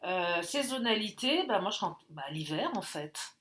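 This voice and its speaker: Slow-talking chatty French card reader woman. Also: medium pitch, lively intonation, a bit bright. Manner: chatty, jokey, thinks aloud with many fillers. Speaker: tarot and oracle card reader. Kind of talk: casual card-reading video.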